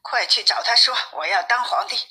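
A shrill, bossy wife who is never satisfied and snaps out orders to her husband, voiced by a woman reading a fairy tale aloud. Her voice rides high and sounds sharp and bright. She speaks in short, scolding commands. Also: a little fast.

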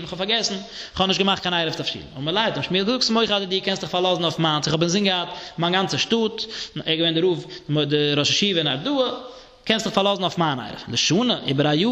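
Male rabbi, high bright chant-style Talmud lecture, roomy lo-fi hall recording. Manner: singsong study chant, mixing Hebrew and Aramaic terms. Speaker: rabbi teaching a Talmud class. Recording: echoey dull lo-fi hall recording.

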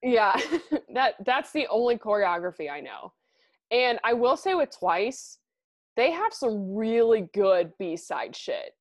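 A woman's voice: a little high, expressive, slow pace, dry recording. A woman co-hosting a podcast in casual, informal banter, swearing freely. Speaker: podcast co-host.

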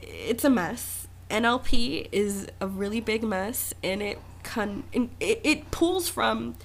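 A young woman co-hosting a podcast, chatting casually, animated and laughing often. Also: mid-range voice, creaky, a little hiss or hum. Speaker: podcast co-host.

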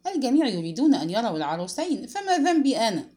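A woman voicing a cheerful older gentleman hosting a wedding in an audiobook, coaxing in a raised, bright voice. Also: on the high side, very animated, very fast. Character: jovial older host of the wedding.

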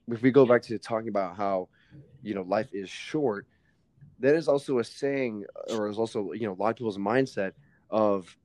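In a dry recording, a young man with a fairly low, darkish voice chats casually as a guest on a podcast. He makes his points emphatically, peppering them with fillers and casual curses.

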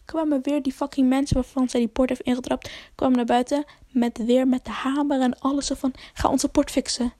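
Young woman, casual slangy storyteller; warm, somewhat high voice, dry close sound. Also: flat delivery, fairly quick, dry recording. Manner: rambling, slangy, swears, many fillers. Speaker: vlogger.

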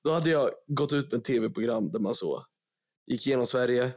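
En ung man från Sverige som programledare i en podcast, pratar livligt och skämtsamt med svordomar. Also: medium pitch. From Sweden. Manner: animated, joking, swearing storyteller. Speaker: podcast host. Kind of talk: casual chat.

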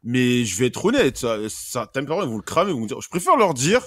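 A man telling a story as a guest in casual chat, halting and hesitant. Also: mid-range voice, sing-song, a bit bright, no room sound. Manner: hesitant, halting, many restarts.

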